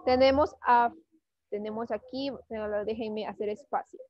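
High-pitched lady teacher, patient and coaxing, dry dull sound, online class. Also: fairly even intonation, measured pace, no echo. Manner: patient, coaxing, switches between Spanish and English. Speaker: English teacher.

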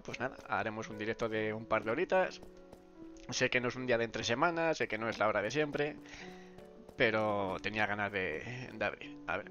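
In a fairly bright tone on dull audio, a man streaming a game chats casually despite congestion and a sore throat. He rambles, keeps starting over, and slips in low mumbled asides.

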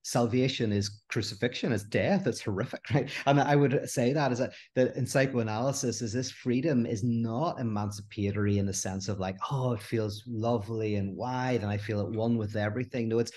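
A middle-aged man, a guest philosopher in an animated podcast conversation who acts out the voices in his anecdotes. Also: mid-range voice, normal speed, hardly any pauses.

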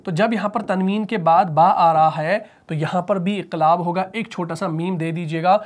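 This tajweed teacher, who has a Pakistani Urdu accent, speaks in a high-pitched voice with fairly even intonation. He explains patiently, asks and answers his own questions, and recites the verses in a slow chant.

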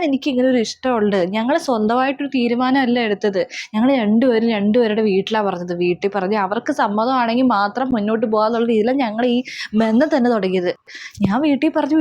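A woman's voice: high-pitched, darkish tone, lo-fi sound, lightly acted. A woman playing a young adult daughter in a comedy sketch, arguing back insistently. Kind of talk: comedy sketch role-play.

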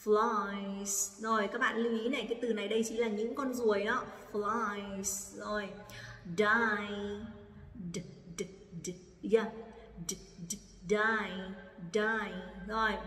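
A woman teaching English phonics with a Vietnamese accent, drilling words slowly and checking that students follow. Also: mid-range voice, a bit bright. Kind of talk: phonics lesson, slow drilled pronunciation. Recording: echoey room, distant from the mic.

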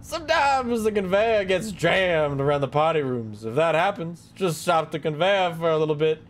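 A man's voice: a little high, animated, normal speed, a little hiss or hum, voice pushed up, lightly acted. A man voicing a folksy cowboy restaurant manager with an exaggerated drawl, reading game dialogue aloud. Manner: chatty, rambling storyteller.

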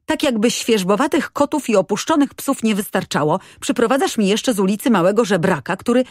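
A woman's voice: mid-range voice, animated, fairly quick, dry recording, clean studio sound, voice pushed up, close to an everyday voice. A woman reading an audiobook, voicing a stern, strict aunt who speaks sharply.

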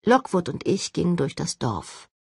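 Woman narrating audiobook, husky voice, lowish pitch, lively intonation, dry close sound. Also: moderate pace, no echo. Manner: expressive, dramatic reading. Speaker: audiobook reader. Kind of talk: first-person scripted narration.

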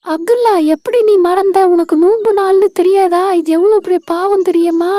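A woman's voice: extremely high pitch, fairly even intonation, normal speed, dry recording. A woman playing a bossy big sister. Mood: scolding. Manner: scolding, loud. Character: older sister, a bossy young girl.

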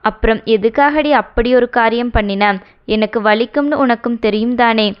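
A woman's voice: on the high side, normal speed, smooth, muffled recording, lightly acted. A woman voicing a young husband who speaks with hurt and reproach in an audiobook romance. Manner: wounded, reproachful dialogue.

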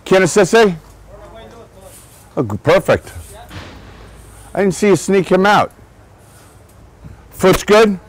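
A man's voice: high-pitched, lively intonation, slow pace, pauses often, low-quality recording. A man, a racehorse trainer giving a guided barn tour outdoors, chatty and digressive, often restarting his sentences. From Long Island, New York. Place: outdoor horse barn shed row.

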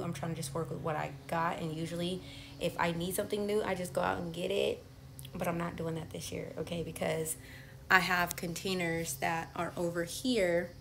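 A woman's voice: lowish voice, gravelly, slight background noise. A woman in her thirties, chatting casually to viewers in a home vlog, calling them y'all, filmed at arm's length. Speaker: lifestyle vlogger. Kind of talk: casual vlog chat to camera. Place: home kitchen and garage, indoors. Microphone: camera held at arm's length.

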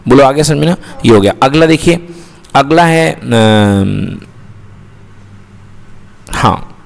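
Teaching English through a Hindi-English mix, this man poses questions and then answers them himself, addressing listeners as beta. His voice is medium-pitched, animated and creaky, and he speaks slowly. Long reverb fills the recording.

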